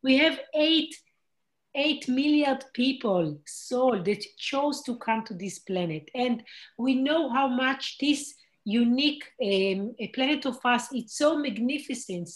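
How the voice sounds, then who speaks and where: Female host, fairly high voice, earnest manner, non-native English. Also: lively intonation, slow. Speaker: host of spiritual group meeting. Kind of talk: casual group talk.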